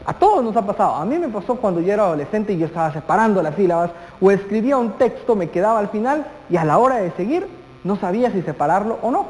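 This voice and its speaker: A teacher leads a televised lesson, turning to the students with questions and drawing out the words that matter. The voice sits at a mid pitch. It rings with a long reverb, as if recorded in a large hall. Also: very animated, quick pace, a little mellow. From Guatemala. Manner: addresses students directly, asks questions, stretches key words.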